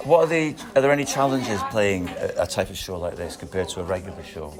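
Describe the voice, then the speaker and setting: A man presenting a radio interview with musicians, brisk and chatty, moving his guests along. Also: low voice, sing-song. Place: busy venue after a show. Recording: crowd chatter in the background. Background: crowd.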